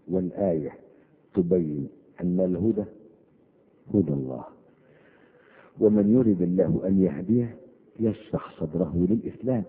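A man's voice: low voice, creaky. A man giving a religious lesson, explaining verses word by word and repeating key words with climbing emphasis. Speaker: Islamic teacher explaining scripture. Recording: tinny radio broadcast.

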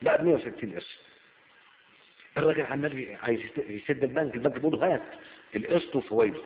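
A man's voice: mid-range voice, rapid-fire. Brief: conversational Egyptian man, question-and-answer storytelling, gritty tone, light hiss behind. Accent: Egyptian Arabic. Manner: storytelling, asks and answers his own questions. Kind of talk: casual explanatory talk. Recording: tinny phone-like lo-fi with faint hiss.

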